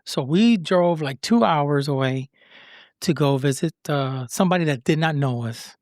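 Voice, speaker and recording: A man's voice: fairly high pitch, moderate pace, darkish tone, dry recording, clean studio sound. A man from Rico, hosting a podcast and earnestly telling a personal story, rambling and acting out what people said. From Puerto Rico. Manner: earnest, rambling, acts out the voices of people he quotes. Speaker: podcast host.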